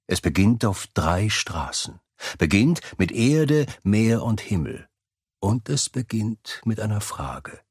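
A man acting as a mysterious fireside storyteller, very low and husky. He tells his dark tale with ominous weight and dramatic pauses, as in an audio drama, recorded close and dry. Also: very animated, dry recording, full character voice. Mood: grave, foreboding. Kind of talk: scripted dramatic storytelling in German.

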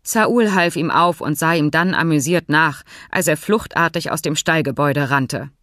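Woman reading an audiobook, really low voice, steady, dry close sound. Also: normal speed, no echo. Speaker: audiobook narrator. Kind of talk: scripted narration.

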